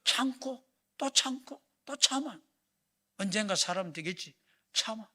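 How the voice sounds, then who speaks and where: A man preaching a Sunday sermon as pastor, swinging between loud urgent calls and hushed whispered asides. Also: high-pitched, lively intonation, measured pace. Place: church sanctuary.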